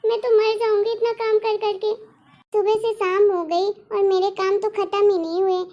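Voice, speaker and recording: A woman's voice: very high-pitched, steady tone, normal speed, lo-fi sound. A woman voicing a flustered young daughter-in-law in a cartoon story, whiny and exasperated. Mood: exhausted. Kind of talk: cartoon voice acting.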